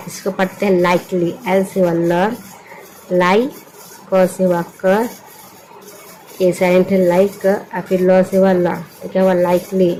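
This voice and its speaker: A woman's voice: fairly low pitch, mellow, slight background noise, low-quality recording. A woman teaching English vocabulary. She spells each word letter by letter and asks what it makes before she says it. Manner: patient, repeats words and asks "what happened?" before giving the answer.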